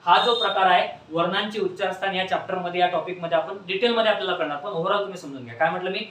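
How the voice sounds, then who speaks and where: A man with a high, brisk voice teaches a class, firing questions and echoing the answers back. He sounds far from the mic in a reverberant classroom with faint background noise. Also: fairly bright tone. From Maharashtra, India. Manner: repetitive questioning, prompts students to answer back. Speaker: Marathi grammar teacher. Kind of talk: classroom lecture with call-and-response.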